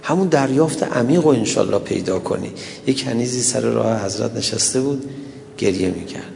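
A man with a medium-pitched, creaky, slightly mellow voice preaches a sermon, retelling stories tenderly before rising into mournful lament. A long reverb tail trails his words.

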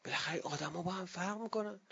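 Male cleric, high raspy voice, lively anecdotal sermon that mimics other people's voices, muffled lo-fi sound. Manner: lively storyteller who acts out quoted voices.

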